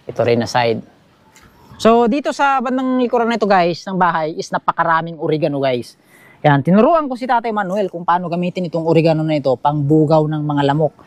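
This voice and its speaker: Man, Filipino accent, high voice, dry sound, casual vlog house tour, handheld action camera, outdoors. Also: animated, moderate pace, long pauses, no room sound. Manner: chatty, keeps saying "guys", points things out. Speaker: vlogger giving a house tour. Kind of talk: casual walk-through vlog narration. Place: outdoors around a small bamboo house in a yard. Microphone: action camera held by the speaker.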